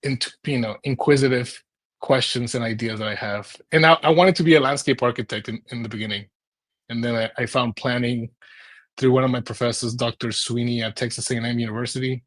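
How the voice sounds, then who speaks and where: Medium-pitched and brisk, this man is an urban planner who came from Mexico to Houston as a child. As an interview guest, he recounts his personal story in a rambling, informal way.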